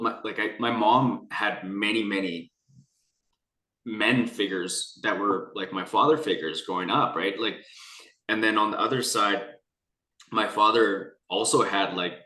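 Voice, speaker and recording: A man's voice: on the low side, sharp tone. Man rambling earnestly in an echoey room. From Canada. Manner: rambling, earnest storytelling with many restarts. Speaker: guest. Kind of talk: candid personal conversation.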